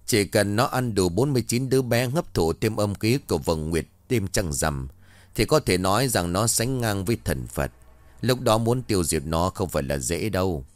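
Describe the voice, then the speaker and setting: A man voicing an old male village exorcist who explains things in a solemn, measured way. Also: fairly low pitch, no echo, lightly acted.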